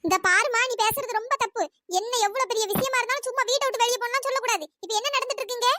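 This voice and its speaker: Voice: very high-pitched, very fast, bright, forceful tone. A performer voicing a level-headed young daughter in a cartoon story, reasoning firmly.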